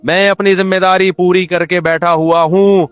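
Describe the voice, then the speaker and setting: Male preacher with a Pakistani Urdu accent, high voice, lively and questioning, dry close sound. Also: smooth, dry recording, faint music behind. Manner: lively, rhetorical questions, recites Quranic Arabic. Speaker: Islamic scholar giving a sermon. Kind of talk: sermon.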